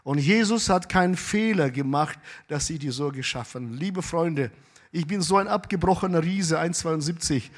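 A pastor preaching a sermon, moving between loud, emphatic exclamations and quiet asides. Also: male voice, on the high side, normal speed.

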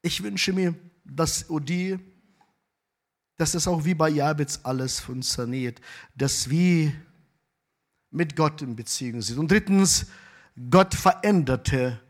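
Lebhaft predigender Pastor mit höherer Stimme. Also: male voice, fairly high pitch, slow, long pauses. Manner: animated preaching, swings from loud exclamations to quiet asides. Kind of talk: sermon.

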